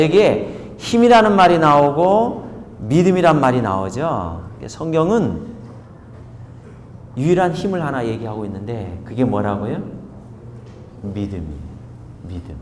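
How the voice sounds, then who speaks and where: Animated male pastor in an echoey hall. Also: mid-range voice, slight background noise. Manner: animated, keeps asking the congregation questions. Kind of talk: revival sermon. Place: church revival tent meeting. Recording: echoey hall with faint ambience.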